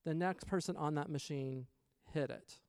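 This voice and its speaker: A man sharing a personal testimony in a casual storytelling sermon, animated and acting out quoted lines. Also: fairly high pitch, moderate pace, smooth.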